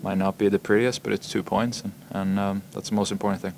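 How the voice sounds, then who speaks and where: A young hockey player with a low, gravelly voice gives halting postgame press conference answers, full of ums and repeated words. His pitch barely moves, and there's slight background noise. He sits in a press room before a logo backdrop, speaking into table microphones.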